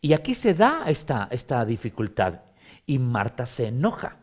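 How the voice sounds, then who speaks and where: A man, a pastor leading a Bible study, expressive and given to emphatic repetition. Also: mid-range voice, normal speed. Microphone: streamed broadcast.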